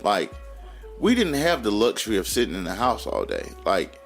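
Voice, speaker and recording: A man's voice: lowish voice, normal speed, creaky, faint music behind. A man in his forties with a Southern US accent, telling a long story on a podcast and acting out his sons' lines. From North Carolina, US. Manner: animated, laughing storyteller who acts out his sons' lines. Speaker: podcast co-host. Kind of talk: casual storytelling chat.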